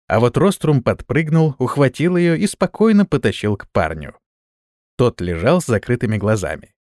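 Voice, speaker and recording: A male audiobook narrator with an animated, lively delivery. His pitch rises and falls freely as he tells the tale. The recording is dry and close. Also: normal speed, dry recording.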